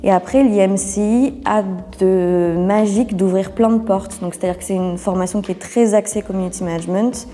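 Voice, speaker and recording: A 29-year-old woman who works as a communications officer and freelancer talks about her career in a casual, candid testimonial interview, using informal, colloquial speech. Her medium-pitched voice is warm and steady at normal speed with hardly any pauses, and a long reverb tail trails her words.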